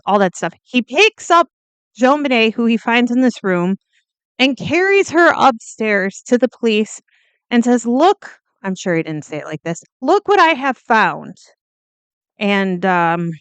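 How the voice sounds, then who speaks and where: A woman in casual commentary who talks bluntly and wanders into side remarks. Her voice is smooth and resonant. The recording is dry, with no room sound around it. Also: medium pitch, dry recording. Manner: blunt, chatty, swears, goes off on tangents. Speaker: true crime video host. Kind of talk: casual true crime commentary.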